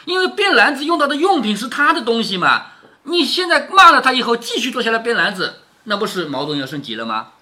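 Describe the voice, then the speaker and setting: Male storyteller-commentator, lively pitch, explains and checks in with listeners. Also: quick pace. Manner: explanatory, asking listeners rhetorical questions. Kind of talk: reading a classic novel aloud with commentary.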